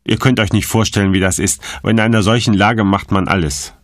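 A man voicing a desperate, defiant male prisoner who shouts and pleads in a raised, strained voice. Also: fairly low pitch, fairly even intonation, quick pace, no echo, studio quality, natural voice. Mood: pleading.

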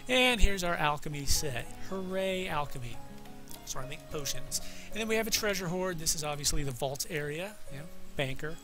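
A man with a fairly high pitch and lively intonation speaks at normal speed, hosting a guided video game tour. His improvised, casual commentary is full of playful, joking, self-deprecating asides, recorded as voice-over on a desk microphone over game footage with game music behind it.

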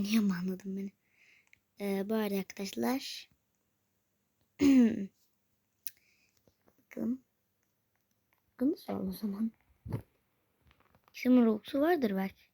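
A woman's voice: mid-range voice, mellow, breathy edge, no echo, clean studio sound. A woman giving casual gameplay commentary, talking to herself and often slipping into a whisper. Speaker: gaming video creator.

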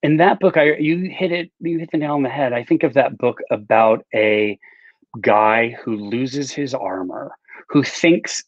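A middle-aged male author, interviewed over a video call from a room with bookshelves, gives casual, rambling answers peppered with self-deprecating asides. His voice is medium-pitched and measured in pace. The audio is dry and slightly dull, typical of a video call.

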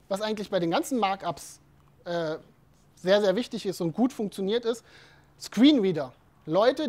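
A woman's voice: mid-range voice, a little mellow. Woman, conference speaker, casual and direct with the crowd, mid-range voice. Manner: informal, chatty, addresses the audience directly. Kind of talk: live presentation to an audience.

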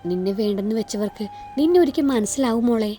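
A woman's voice: a little high, animated, fast talker, mellow, soft background music, lightly acted. Woman doing a sweet doting dad voice, soothing and coaxing, storybook style. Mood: tender. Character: loving middle-aged father, tender and doting. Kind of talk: audio storybook narration.

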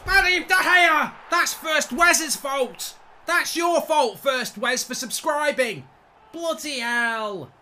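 A man raging loudly and swearing as he reacts to his game on a livestream. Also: very high voice, slow, a little hiss or hum. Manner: raging gamer, loud and sweary. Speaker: gaming streamer.

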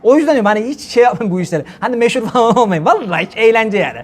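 A man preaching in a casual, humorous way, animated and often laughing as he addresses his listeners like friends. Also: high voice, rapid-fire. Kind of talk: casual humorous sermon talk.

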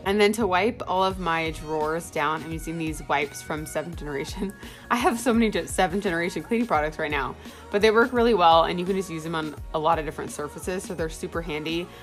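A woman's voice: low-pitched, fast talker, faint music behind. A young woman talking casually as a home vlogger, narrating her cleaning routine in a chatty, friendly way with lots of fillers.

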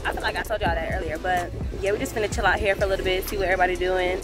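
A woman's voice: lowish voice, fairly even intonation, rapid-fire, over music. An American woman in her twenties chatting casually to a handheld camera outdoors at the beach. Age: 20s. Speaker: vlogger. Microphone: handheld camera at arm's length.

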